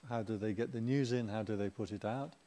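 A man's voice: fairly low pitch, fairly quick, warm tone. A middle-aged man giving an informal Dharma talk as a Buddhist teacher, chatty and humorous, with playful asides to the audience.

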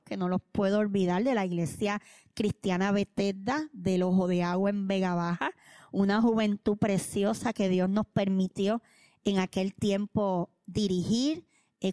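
A middle-aged woman pastor with a Puerto Rican accent, sharing a personal testimony in a playful, expressive storytelling way with touches of humor. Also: mid-range voice, no room sound.

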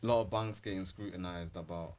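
A young man with a fairly low voice and a London accent chats on a podcast. He explains things casually in slangy roadman style. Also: fairly even intonation, a little fast, darkish tone. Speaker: podcast co-host.

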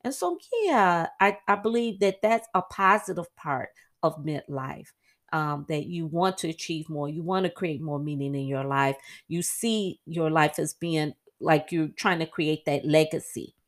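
A middle-aged woman hosting a podcast, talking casually on her own in a chatty, animated way that leaps up in pitch for quoted asides. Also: measured pace. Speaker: podcast host. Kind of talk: casual solo podcast monologue.

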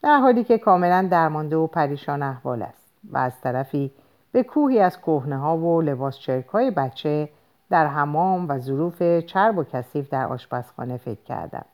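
Lively-voiced woman reading an audiobook. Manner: expressive reading, voices dialogue with lifts in pitch. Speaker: audiobook reader. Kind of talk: audiobook narration.

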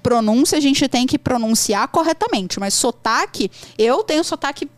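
A woman's voice: high voice, moderate pace, dry recording. A Brazilian woman with a Brazilian accent, telling stories and giving advice on learning English in an emphatic, repetitive way. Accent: Brazilian Portuguese. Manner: animated storytelling with emphatic repetitions. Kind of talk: casual conversational advice.

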